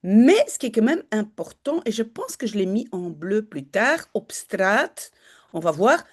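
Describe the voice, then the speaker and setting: A woman's voice: medium pitch, sing-song, unhurried. A woman teaching Dutch, talking learners through a news article in a chatty way, with many fillers and self-corrections.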